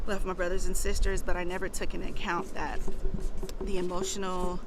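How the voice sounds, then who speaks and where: A middle-aged woman and mother talking heartfelt and casual to her viewers outdoors, at times turning prayerful. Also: mid-range voice. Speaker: vlogger, mother. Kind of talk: personal vlog talk. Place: outdoors in wind. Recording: outdoor phone recording with wind noise.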